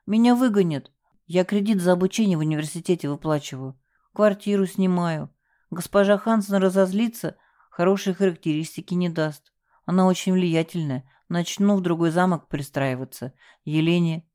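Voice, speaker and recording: A woman's voice: lowish voice, normal speed, dark tone, lightly acted. A woman voicing a frightened young female hotel porter who pleads and protests tearfully in an audiobook. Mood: tearful pleading.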